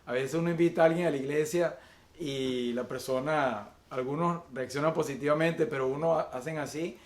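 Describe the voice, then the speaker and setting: A man's voice: on the high side, echoey room. A man preaching an online Sunday sermon as pastor, often repeating words and using fillers while he searches for the next phrase. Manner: slows to list virtues one by one.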